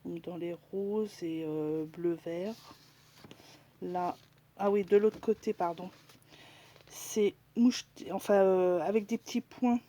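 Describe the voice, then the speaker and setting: A woman talks slowly through a casual haul video with a mellow, rounded voice. She pauses often with fillers and sometimes sinks into a whisper while showing her things. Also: lowish voice, steady tone. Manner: chatty, hesitant, with many fillers. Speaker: crafting vlogger.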